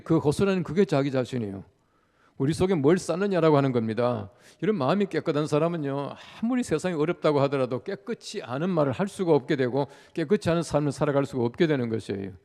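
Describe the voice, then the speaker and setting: Preaching at a dawn prayer service in a large sanctuary, this older Gyeongsang-born pastor uses a warm voice that sits on the high side. He keeps the sermon conversational, weaving in stories and rhetorical questions. A long reverb from the church hall fills the recording.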